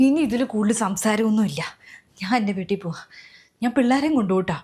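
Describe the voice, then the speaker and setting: A woman's voice: mid-range voice, lively intonation, warm tone, slightly rough. A woman playing an exhausted, overworked sister-in-law who complains and rants in a comedy sketch. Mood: furious. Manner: complaining, rapid, exasperated. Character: overworked elder sister-in-law, weary and fed up.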